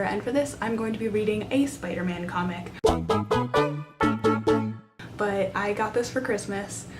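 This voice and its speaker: A young adult woman chatting casually and enthusiastically to camera as a book vlogger, recorded on a handheld camera in a small room. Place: small side room in a library, indoors. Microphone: camera at arm's length. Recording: noisy room with low rumble.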